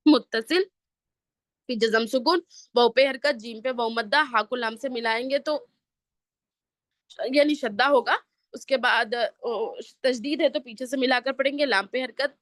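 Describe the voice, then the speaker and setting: A woman with a Pakistani Urdu accent leads a tajweed lesson, going letter by letter through each mark and rule in a patient, methodical way. Her voice sits high, and the recording is close and dry with no room sound. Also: fairly bright tone, no room sound. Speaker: Quran recitation teacher. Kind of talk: tajweed lesson, spelling out rules then slow recitation.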